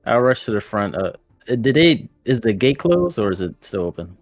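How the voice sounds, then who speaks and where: A man's voice: medium pitch, sing-song, moderate pace, dry recording, faint music behind. A man playing a tabletop game, hesitant and full of ums and uhs. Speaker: player. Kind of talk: casual tabletop game play.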